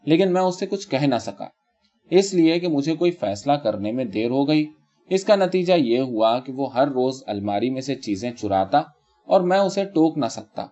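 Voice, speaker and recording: Mellow-voiced man reading a literary story. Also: medium pitch, highs cut off. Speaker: narrator.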